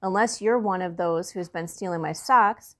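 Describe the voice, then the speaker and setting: A woman reading a storybook aloud and voicing Boober, a grumpy, fretful male Fraggle, slow and emphatic. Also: fairly low pitch, fairly bright tone, close to an everyday voice. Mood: grim.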